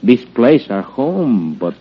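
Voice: medium pitch, sing-song, slow pace, slight background noise. An actor doing a humble shopkeeper. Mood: worried. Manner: humble and broken-English. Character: humble Mexican immigrant shopkeeper, male. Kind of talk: 1940s radio acting. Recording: dull old radio recording.

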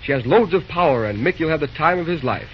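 An actor playing a busy young railroad dispatcher in an old-time radio drama, talking briskly in folksy slang. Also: male voice, on the high side, expressive, lightly acted. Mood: businesslike. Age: young adult. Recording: dull, noisy old radio recording.

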